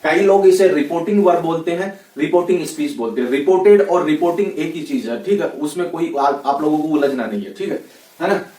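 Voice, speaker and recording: A man's voice: on the high side, fairly quick, dark tone. A man with a Rajasthani Hindi accent teaching English grammar in a casual classroom lecture, chatty and constantly checking in with "okay, right?". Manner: chatty, repeats "ठीक है, है ना" constantly. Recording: echoey room, voice a bit far from the mic.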